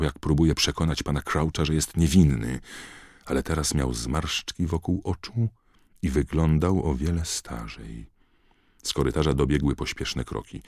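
A man narrating a fantasy audiobook in a steady storytelling reading. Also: very deep voice, no echo, studio quality.

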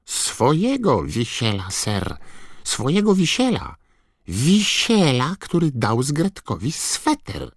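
A man voicing an excitable male house-elf servant who squeaks and screeches and talks about himself in the third person. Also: slow, husky, no room sound, studio quality, full character voice. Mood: eager, urgent.

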